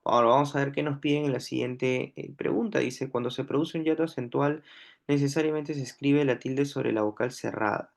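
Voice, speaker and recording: A language teacher with a Peruvian Spanish accent and a creaky mid-range voice gives a grammar lesson. He speaks slowly and deliberately, repeating each example word aloud.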